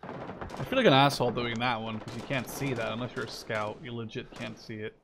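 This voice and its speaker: A young man rambles casually while playing a shooter, cursing whenever he gets killed, over loud in-game gunfire and artillery. His medium-pitched voice is a little fast and has vocal fry.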